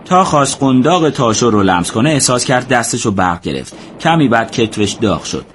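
A man narrating a war story as scripted audiobook narration, in a steady, measured way. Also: mid-range voice, slight background noise.

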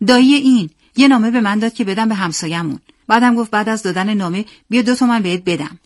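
A woman voicing a bold, insistent street boy who speaks loudly. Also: on the low side, animated, dry recording, studio quality. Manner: loud, insistent.

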